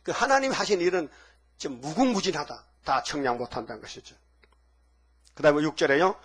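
A man with a husky voice preaching a sermon emphatically, firing off rhetorical questions at the congregation. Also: fairly high pitch, lively intonation, brisk, a bit bright. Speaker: pastor.

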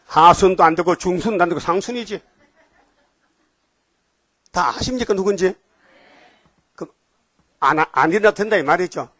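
A man with a Gyeongsang Korean accent preaching a sermon in a lively way, often firing questions at his congregation. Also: high voice, no room sound. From Gyeongsang region, Korea. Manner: animated, questions the congregation, jumps between topics. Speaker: pastor.

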